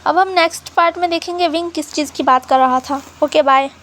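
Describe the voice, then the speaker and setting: A woman's voice: high voice, brisk, fairly bright tone. A woman narrating a fan fiction story in a casual, chatty way, mixing in English words.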